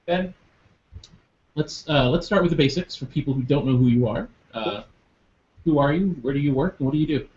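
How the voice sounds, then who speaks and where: On a casual live online show, a male host chats in a fairly high, slightly mellow voice, speaking fairly quickly but pausing often. He rambles and fills his speech with ums and uhs, and the webcast audio is dull, lo-fi, and faintly noisy.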